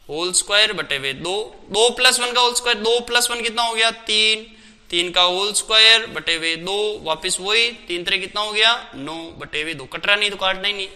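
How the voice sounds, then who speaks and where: Man, maths teacher, high bright voice, answers his own questions, reverberant room. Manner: asks questions and answers them himself, repetitive. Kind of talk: step-by-step maths lesson.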